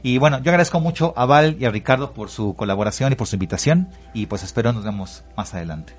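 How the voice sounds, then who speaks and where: A man's voice: medium pitch, animated, fast talker, faint music behind. A Mexican man, a guest musician, talking at length in a casual radio interview with many filler words. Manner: talks freely and at length, with many "pues" and "este".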